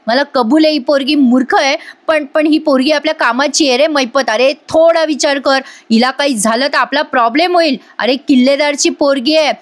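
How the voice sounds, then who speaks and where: A woman voicing a cautious male crime boss, urging calm. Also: high voice, normal speed, hardly any pauses, close to an everyday voice. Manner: urging, persuasive.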